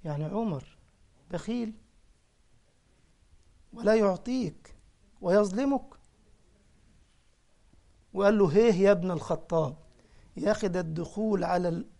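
A man's voice: high voice, vocal fry, a little mellow. A man with an Egyptian accent preaching a sermon as a sheikh, telling stories with animation and putting questions to his listeners. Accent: Egyptian Arabic.

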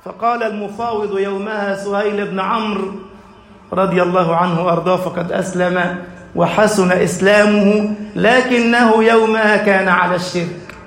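A man preaching a sermon with passionate, soaring delivery that rises into shouts. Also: high voice, little pitch movement, moderate pace, echoey room. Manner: impassioned, rising to shouts.

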